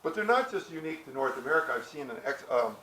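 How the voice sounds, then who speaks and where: Here a middle-aged presenter speaks fast in a rather high, sing-song voice with a sharp edge. He rambles in a folksy, casual way before a small audience at an outdoor historic site, restarting often and drifting into asides. It's captured on a distant mic, roomy and noisy in the background.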